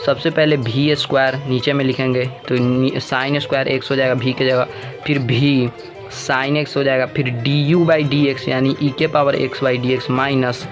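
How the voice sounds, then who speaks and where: Patient man teaching maths, unhurried and repetitive, with music behind him. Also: medium pitch, flat delivery. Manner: slow, repetitive, checks in with "samjhe na guys". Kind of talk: chalkboard maths lesson.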